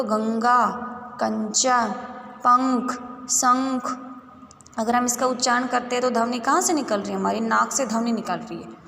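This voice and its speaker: A woman's voice: a little high, vocal fry. A young woman teaching Hindi grammar to young children, patiently asking questions and answering them herself. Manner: patient, asks and answers her own questions, calls pupils "beta". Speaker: school teacher. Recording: roomy echo with faint background noise.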